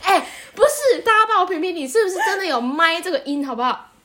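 Very high, animated Taiwanese woman co-host. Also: quick pace. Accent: Taiwanese Mandarin. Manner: playful, mock-flustered. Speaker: podcast co-host. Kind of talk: casual chat.

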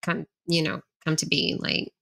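A woman's voice: low-pitched, monotone, normal speed, gravelly, sharp tone. A woman hosting an interview podcast, talking in a loose, rambling way with many fillers. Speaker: podcast host. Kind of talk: casual interview chat.

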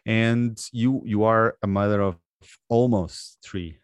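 Man, fairly low voice, halting interview host, dry underground studio sound. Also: smooth, no echo. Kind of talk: conversational interview hosting. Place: underground bunker-like studio in Lisbon.

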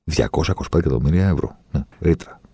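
A man hosting a football podcast, giving an indignant opinion monologue that climbs to loud, heated emphasis and calls his listeners "guys". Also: extremely low pitch, creaky, breathy edge, dry recording.

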